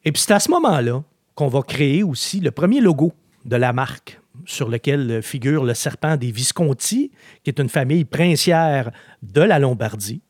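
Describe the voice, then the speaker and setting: This man hosts a laid-back podcast, spinning stories with lively energy and plenty of filler words. His voice sits mid-range, captured dry on a close mic.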